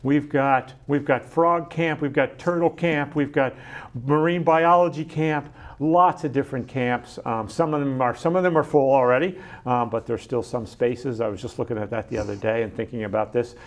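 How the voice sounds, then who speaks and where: On a studio interview program, a middle-aged man speaking at a medium pitch and normal speed gets excited describing his science center. Wearing a lapel mic, he gestures freely and often stumbles into ums and fresh starts in this casual chat.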